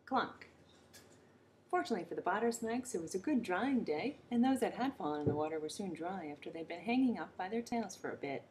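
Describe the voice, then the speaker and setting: Woman storybook narrator, expressive, mid-pitched, faint background noise. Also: fairly quick, poor audio. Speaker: audiobook narrator. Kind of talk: storybook reading.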